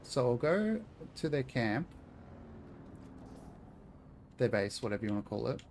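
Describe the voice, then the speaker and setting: A man's voice: medium pitch, very animated, a little fast, a little mellow. Aussie guy streaming games, joking around w chat, faint hum behind. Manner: chatty, joking, talks to chat. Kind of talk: casual gaming stream chat.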